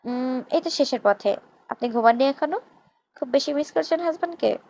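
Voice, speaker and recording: A woman's voice: high-pitched, moderate pace, lightly acted, rough recording. A woman doing a cocky young male DJ. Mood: teasing. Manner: brash in English bits, soft and teasing on the phone.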